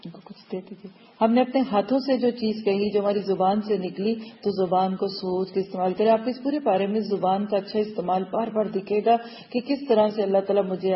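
Earnest woman teaching a religious lecture. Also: medium pitch. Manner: earnest, exhorting, repeats phrases for emphasis. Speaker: Quran teacher. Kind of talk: religious lecture on Quran verses. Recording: dull lo-fi recording.

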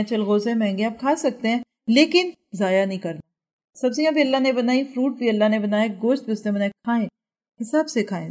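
A woman's voice: on the high side, darkish tone. A woman giving a religious lecture, earnest and full of rhetorical questions to her listeners. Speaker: religious teacher.

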